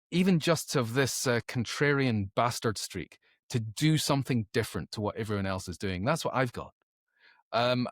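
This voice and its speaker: This studio-quality recording with no room sound captures an author and creativity educator appearing as a podcast guest. Speaking in a mid-range voice, he's forceful and full of opinions, frequently repeating words as he works through his thoughts.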